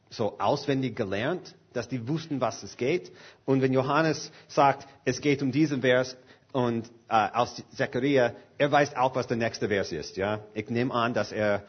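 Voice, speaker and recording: A man preaching a sermon and reading Scripture in German that is not his first language, halting, with frequent filler sounds. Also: medium pitch, slightly rough, lo-fi sound. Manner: halting, with many filler sounds and non-native German grammar.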